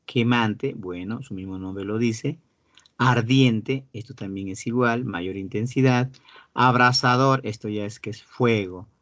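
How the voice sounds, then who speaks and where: A man with a Peruvian Spanish accent teaching a classroom lesson. He repeats key words slowly and quizzes his students. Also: on the low side, fairly bright tone, no echo. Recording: dull, dry sound.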